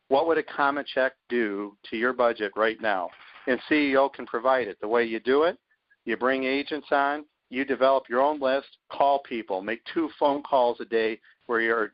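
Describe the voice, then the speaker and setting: Over a dull, lo-fi conference phone line with no echo, a man with a medium-pitched voice gives a motivational sales pitch. As team leader he comes across confident and emphatic, punching every point.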